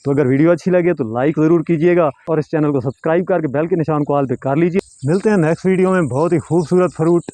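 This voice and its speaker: Dry, higher-pitched man explaining plant pruning. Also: dark tone, no room sound. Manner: patient, explanatory, with frequent drawn-out "eh" fillers. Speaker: plant nursery vlogger. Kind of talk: instructional gardening demonstration. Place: plant nursery.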